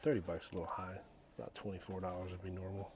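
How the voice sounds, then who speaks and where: In a casual vlog, a bourbon reviewer from Tennessee strolls a liquor store aisle, murmuring dry jokes about the prices as the channel's co-host. His deep voice is flat and a little mellow, he talks quickly, and there's slight background noise.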